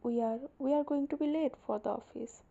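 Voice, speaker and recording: A woman voicing a shy, flustered young bride who speaks softly and hesitantly, on a dull lo-fi recording. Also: high voice, brisk, gravelly. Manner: soft and hesitant.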